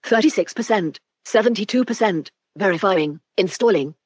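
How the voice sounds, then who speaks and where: A woman's voice: mid-range voice, lively intonation, normal speed, a little mellow, slightly rough, dry recording. A synthetic female screen reader voice played through a Bluetooth speaker, reading out on-screen labels and buttons. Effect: synthetic speech played through a Bluetooth speaker.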